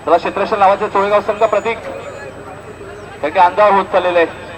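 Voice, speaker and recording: Over a loud crowd in a noisy outdoor recording, a man with a Maharashtrian accent delivers live commentary and announcements at a local cricket tournament. His voice sits high and moves fast in a steady tone, and he keeps stressing and repeating the score while calling the action.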